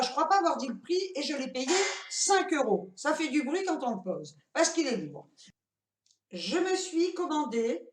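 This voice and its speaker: An older woman talks through her latest purchases in a relaxed, rambling vlog, peppering her speech with fillers. Her voice sits a little on the high side. The room around her rings with noticeable echo. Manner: chatty and rambling, many fillers and "voilà". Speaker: vlogger. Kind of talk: casual shopping haul vlog. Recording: roomy echoey room sound.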